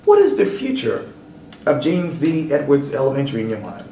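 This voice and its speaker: A man hosting a local TV interview, asking questions in a measured way and reading an official statement aloud. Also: mid-range voice, huge pitch swings, mellow, echoey room, far from the mic, slight background noise, rough recording. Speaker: interviewer and show host.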